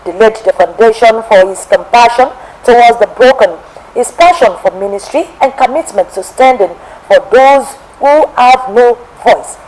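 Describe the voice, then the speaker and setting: A Nigerian woman hosts a television testimony show, reading a formal life story in a slow, measured way. Her voice sits a little high for a woman. A faint ambient hiss runs underneath. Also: darkish tone, poor audio. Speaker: TV program host and narrator. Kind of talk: scripted biographical narration.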